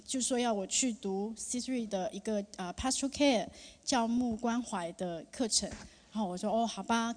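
A woman in her thirties giving a personal testimony to a church congregation, speaking earnestly with emotion and halting often with fillers. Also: on the high side, darkish tone. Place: church sanctuary. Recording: long reverb of a large hall.

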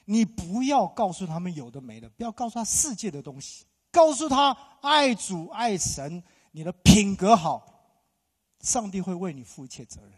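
A man's voice: high-pitched, sing-song, normal speed, husky. A middle-aged male pastor preaching a sermon, emphatic, firing rhetorical questions at the congregation. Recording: long hall reverb.

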